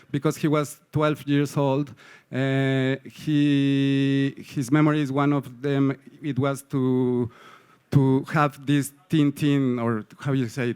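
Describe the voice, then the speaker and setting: Male panelist; slow, crystal-clear voice, hesitant delivery. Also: medium pitch, darkish tone. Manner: halting, many fillers and restarts, tag "no?". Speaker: artist panelist. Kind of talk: panel talk presenting a project.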